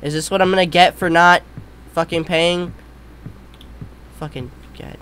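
A man doing jumpy, scared horror game commentary as a streamer, yelling and swearing freely. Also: on the high side, steady tone, unhurried, a little hiss or hum. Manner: foul-mouthed. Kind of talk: let's play commentary.

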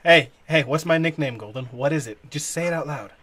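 Young male gamer, high animated voice, crude banter, noisy mic. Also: a little fast. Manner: giggly, loud, crude banter. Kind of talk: casual gaming chat. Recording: noisy background.

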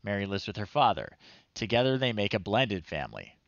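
Talking fairly quickly, a man in his thirties streams his gameplay, reading text off the screen and thinking out loud with wry chatter. His fairly low voice swoops wildly in pitch, recorded without echo and with the highs cut.

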